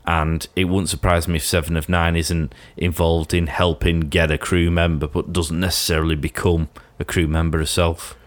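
A man's voice: low voice, little pitch movement, moderate pace, few pauses. A man co-hosting a podcast, reviewing a TV episode in casual chat, dry and wry as he speculates at length. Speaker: podcast co-host.

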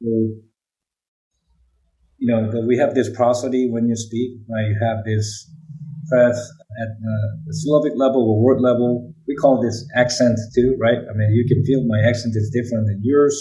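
The recording is rough, but the man's warm, medium-pitched voice comes through steady and at a moderate pace. He is a native Korean speaker with a Korean accent in English, explaining brain research in an interview and frequently adding "right?"

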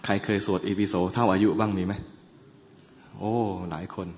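A man who is a Buddhist monk, giving a dharma talk, chanting in a measured tone and explaining with dry humor. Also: sits low, steady tone, a little hiss or hum. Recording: dull lo-fi recording in an echoey hall.

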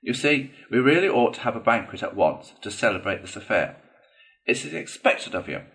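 A man voicing a stern, gruff old male badger in a storybook reading, firm and scolding. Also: medium pitch, sing-song, normal speed, a bit bright. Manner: firm, scolding, matter-of-fact.

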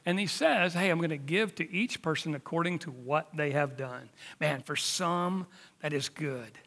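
A man's voice: on the high side, normal speed, creaky, sharp tone, big-room sound. A man, preaching a sermon emphatically and sometimes dropping to a near-whisper for emphasis. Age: 50s. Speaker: pastor.

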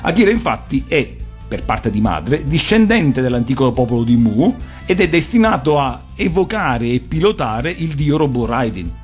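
A man's voice: mid-range voice, big pitch swings, moderate pace. A man giving an erudite, didactic commentary on animation. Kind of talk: explanatory talk, analysing cartoons. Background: soft music.

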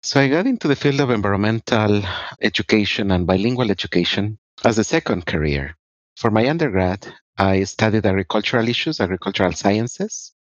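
Man from ecuador talking about his path, lowish voice, dry dull-sounding mic. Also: lively intonation, fairly quick, dry recording. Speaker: guest researcher. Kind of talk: interview answers.

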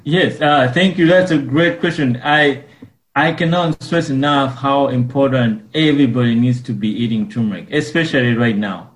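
A man from Uganda, speaking earnestly and haltingly as a guest in a radio interview. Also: mid-range voice, roomy sound, poor audio. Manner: earnest, halting with frequent pauses. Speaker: guest, wellness business owner.

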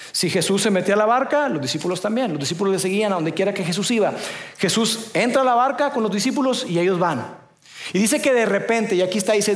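A pastor preaches a sermon, telling the story playfully with dramatic pauses. His voice sits high, and it echoes in a roomy space.

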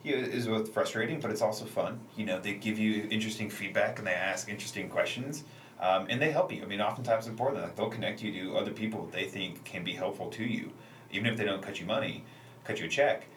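A man's voice: on the low side, quick pace, fairly bright tone. A man speaking as a startup founder on a casual panel, loose and conversational, peppering his talk with filler phrases. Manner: loose, conversational, leans on 'you know' and 'like'. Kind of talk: casual panel interview answers. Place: echoey room, radio show recording. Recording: echoey room, distant mic, slight noise.

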